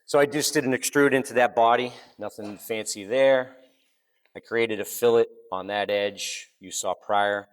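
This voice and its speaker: A man with a Boston accent giving a relaxed, joking, step-by-step software demo at a conference session. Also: fairly low pitch, normal speed. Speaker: presenter. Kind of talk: live technical demo.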